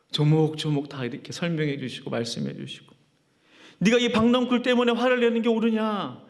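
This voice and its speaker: A man's voice: high-pitched, a little mellow. A man preaching a sermon as pastor, emphatic and full of rhetorical questions. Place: church sanctuary.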